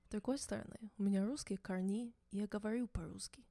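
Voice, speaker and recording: A woman who grew up in the United States, narrating her podcast in a calm, measured storytelling manner. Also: medium pitch, creaky, dry recording. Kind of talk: scripted narration.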